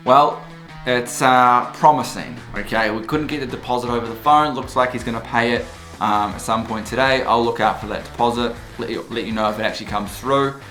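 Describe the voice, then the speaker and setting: Casual Kiwi male vlogger, informal salesman delivery, mid-pitched, roomy sound. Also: a little fast, bright, forceful tone, soft background music. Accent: New Zealand. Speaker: vlogger and car detailing business owner. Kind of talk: casual vlog talk and sales calls.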